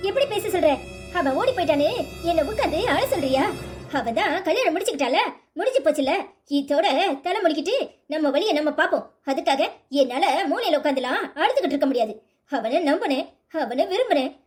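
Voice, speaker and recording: A hurt but determined young cartoon student, voiced by a woman speaks in an exasperated, firm way. Her Tirunelveli Tamil voice is extremely high, with faint music behind it. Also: sing-song, brisk, a little mellow.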